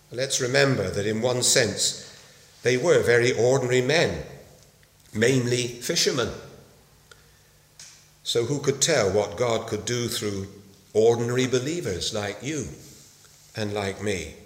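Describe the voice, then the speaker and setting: Slow, deliberate preacher in an echoing hall. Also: male voice, medium pitch, lively intonation. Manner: slow, deliberate delivery with emphatic pauses. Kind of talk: sermon. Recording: roomy hall reverb.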